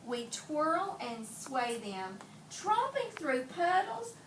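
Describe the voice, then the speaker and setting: Reading slowly in a high-sitting voice, a woman teacher brings a picture book to life for young children. She pauses to ask her pupils questions and echoes what they say. The recording is roomy and noisy, captured from a distant mic in the classroom.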